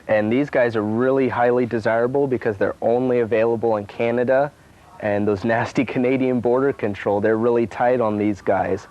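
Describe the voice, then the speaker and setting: A man's voice: on the low side, highs cut off. A man explaining collectible prices to camera in an easygoing way with frequent ums, heard through a worn VHS tape copy. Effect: worn VHS tape sound. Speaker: collectibles dealer.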